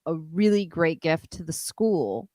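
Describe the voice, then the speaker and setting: A woman's voice: low-pitched, expressive, a little slow, dark tone, dry recording, clean studio sound. A woman hosting a podcast in casual, bantering chat. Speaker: podcast host.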